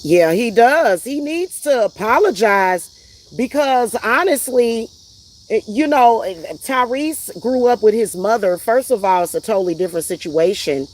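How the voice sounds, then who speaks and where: Ranting heatedly about something personal, this female vlogger and spiritual reader swears, hammers her points, and says things over again to drive them home. She speaks a little slowly in an animated voice on the high side.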